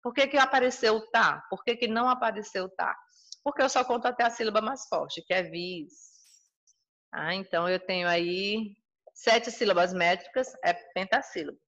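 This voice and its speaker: A woman's voice: medium pitch, a little fast, a bit bright, highs cut off. A woman with a Brazilian Portuguese accent teaching a recorded school lesson, explaining patiently and restating each point. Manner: explanatory, repeats and rephrases points.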